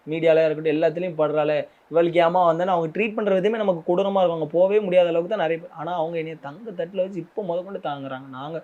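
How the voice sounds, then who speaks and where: A man's voice: a little high, steady tone, darkish tone, dull audio. A young man, an interview guest, speaking earnestly and with hurt about his family and his in-laws. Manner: earnest, hurt, rapid talk. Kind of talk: emotional interview.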